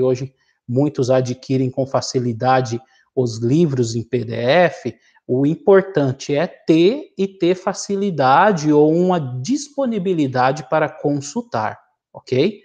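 A middle-aged man from Brazil teaching a vocabulary lesson, reading a word list slowly and explaining each entry. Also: medium pitch, darkish tone, highs cut off. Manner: slow, deliberate reading of word lists with explanations. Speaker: Greek teacher.

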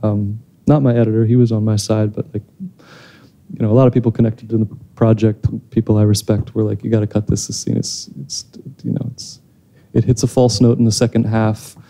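On a theater stage after a screening, a man in his thirties answers the audience through a handheld mic. He speaks on the low side with a flat, mellow delivery, briskly and with few pauses. Thoughtful and hesitant, he restarts many times.

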